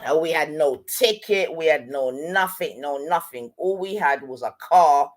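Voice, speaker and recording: A middle-aged Londoner with a roadman accent and street slang tells stories in casual, slangy chat, often checking in with tag questions. His medium-pitched voice is animated, at a measured pace.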